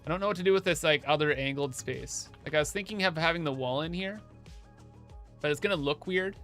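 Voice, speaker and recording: A man's voice: fairly high pitch, brisk, fairly bright tone, faint music behind. A young man livestreaming over a headset mic, thinking aloud in a casual, chatty way while he builds in a game.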